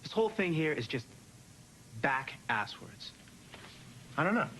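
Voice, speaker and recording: A man's voice: on the high side, sing-song, measured pace, sharp tone, a little hiss or hum, exaggerated voice, poor audio. An actor playing a wry, joking young man, a loyal best friend, in a 1990s daytime soap opera.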